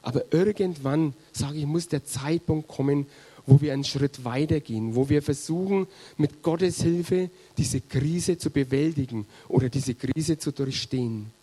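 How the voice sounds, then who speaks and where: A man delivering a sermon, earnest and pastoral, addressing his listeners directly. His voice is dark and husky, with a mellow warmth. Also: a little high, a little slow. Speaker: preacher.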